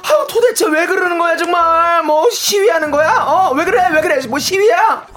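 A woman's voice: extremely high pitch, moderate pace, fairly bright tone, a little hiss or hum. A woman playing an exasperated middle-aged mother and grandmother who scolds and sighs.

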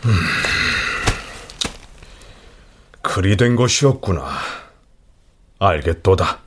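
A man playing a grave, deliberate Joseon king in a historical radio drama, speaking with commanding royal authority. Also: low-pitched, lively intonation, slight background noise. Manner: slow-weighing, authoritative royal speech.

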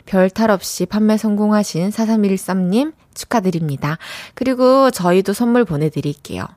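A young woman hosts a radio show, reading out listener messages and chatting about them with warm reactions. Her mid-range voice moves at a normal pace, recorded dry on a studio mic.

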